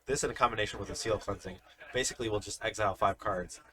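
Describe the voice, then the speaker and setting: A man's voice: lowish voice, quick pace, crowd noise. A man giving live card game commentary, explaining the plays step by step in an analytical way. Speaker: tournament commentator.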